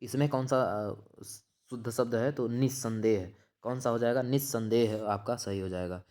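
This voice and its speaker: A man's voice: mid-range voice, moderate pace, a little mellow. A man teaching exam-prep material, running through multiple-choice answers, repeating key terms and checking in with the listener, often restarting and correcting himself mid-word. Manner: repetitive, checks in with "theek hai". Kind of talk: explaining quiz answers.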